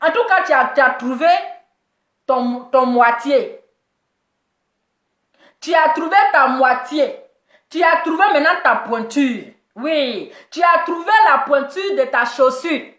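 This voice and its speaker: A woman's voice: sits high, fairly bright tone, reverberant. A woman giving mocking gossip commentary. She teases, repeats her punchlines and laughs often.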